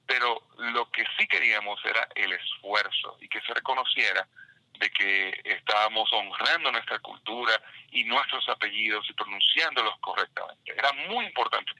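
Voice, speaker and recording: A man's voice: fairly low pitch, gravelly, pushed and bright, dry recording, poor audio. A man, a baseball analyst, speaking earnestly and with emphasis in a recorded interview segment. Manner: earnest, emphatic about pronunciation.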